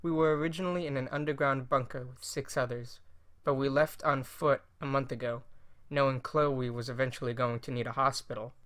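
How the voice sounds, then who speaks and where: A man's voice: mid-range voice, fairly even intonation, fairly quick, fairly bright tone, close to an everyday voice. A man playing a wary, blunt young guy. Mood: weary.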